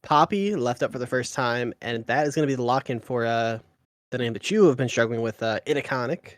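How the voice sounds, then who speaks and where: A man calling a live esports draft play-by-play, chatty and teasing as he banters with his co-caster. He often pauses on an "uh". The sound is close and dry, with no room around it. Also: medium pitch, no echo.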